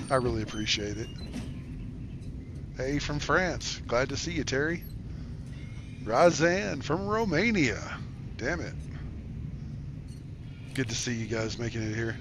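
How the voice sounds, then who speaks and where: Man game streamer, relaxed, greets chat by name; mid-pitched voice, noisy stream. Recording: stream with steady background noise.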